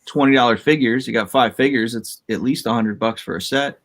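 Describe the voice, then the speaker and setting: A man co-hosting a casual podcast chat, talkative and reasoning out loud. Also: medium pitch, a little fast. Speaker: podcast co-host.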